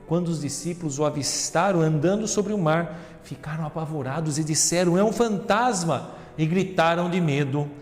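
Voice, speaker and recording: Brazilian deacon preaching in an echoing church. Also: male voice, fairly high pitch, brisk. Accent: Brazilian Portuguese. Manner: earnest preaching, addresses listeners as brothers and sisters; swings between hushed reflective tones and loud emphatic reading. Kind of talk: Gospel reading and homily. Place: large church sanctuary. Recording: roomy church reverb with soft music.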